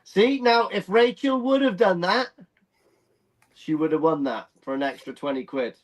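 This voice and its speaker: Chatty man with a higher voice. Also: normal speed, low-quality recording. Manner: chatty, jokey commentary. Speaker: auction co-host. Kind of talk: live-stream auction chat.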